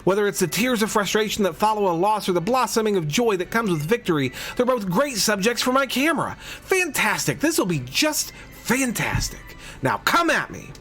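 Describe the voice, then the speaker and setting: A man's voice: sits high, very animated, moderate pace, hardly any pauses, a bit bright, faint music behind, pitched above the performer's own voice. A theatrical young woman photographer who gushes over every challenger, as a man puts her on. The voice sits well above a man's usual register and leaps around. She reads like a video game gym leader, effusive and repetitive in her praise. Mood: gushing. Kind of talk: reading game dialogue aloud.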